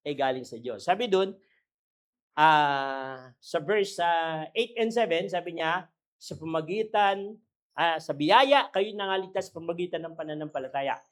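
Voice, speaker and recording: Animated Filipino pastor preaching. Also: male voice. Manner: lively preaching with wide swings in pitch and loudness, laughing at own jokes; mixes English Bible phrases into Tagalog preaching. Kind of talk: sermon.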